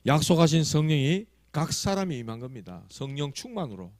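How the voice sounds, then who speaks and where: Lively Gyeongsang pastor preaching. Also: male voice, on the high side, fairly quick. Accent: Gyeongsang Korean. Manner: storytelling, shifting from loud emphasis to hushed asides; acts out quoted prayers and tongues. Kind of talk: sermon.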